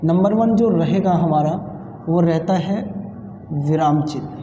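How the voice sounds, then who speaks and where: A man teaching an exam-prep grammar lesson, explaining slowly and repeating key points with pauses. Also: fairly high pitch, dark tone, dull audio. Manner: slow, repetitive explaining with pauses. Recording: echoey room with long reverb.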